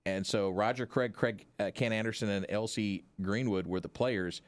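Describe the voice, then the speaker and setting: A man's voice: fairly low pitch, normal speed, dry recording. A man hosting a sports radio show, chatting casually and playfully with his co-host. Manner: chatty, playful, upbeat sign-off.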